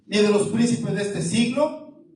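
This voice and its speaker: High-voiced pastor preaching in echoey hall. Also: male voice, measured pace, a little mellow, slight background noise. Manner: preaching, reads scripture aloud and questions the congregation. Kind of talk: sermon. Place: church hall. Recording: echoey hall, far from the mic. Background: congregation responding.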